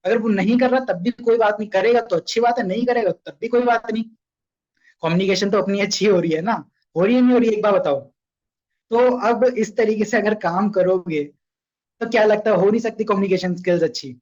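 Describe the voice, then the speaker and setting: A man's voice: sits high, a little fast, a little mellow, dull audio. A young man runs a casual online sales training session, chatty and coaxing, often asking his listeners questions.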